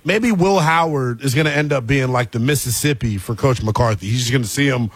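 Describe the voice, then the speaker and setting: A man's voice: mid-range voice, a little fast, husky, no echo. A man hosting sports talk radio, colloquial and emphatic, repeating phrases to drive his points home. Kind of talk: sports talk monologue and caller chat. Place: radio studio.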